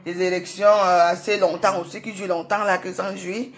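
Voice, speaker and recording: A woman's voice: lowish voice, steady tone. A middle-aged woman talking on her livestream, repeating fillers and stammering, then hurling insults in a heated rant. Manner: shouting insults, rapid and heated. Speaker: social media livestreamer.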